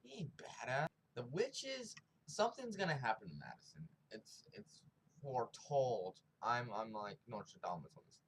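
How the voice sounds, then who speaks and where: A man's voice: mid-range voice, big pitch swings, moderate pace, a bit bright, rough recording. A young man casually recapping and reviewing a TV episode, rambling in slang and acting out the characters' lines, with faint noise behind him.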